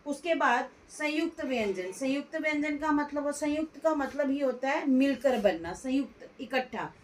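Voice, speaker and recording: A woman teaching a grammar lesson, slowly and deliberately sounding out letters one by one. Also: high-pitched, animated, recorded from a distance.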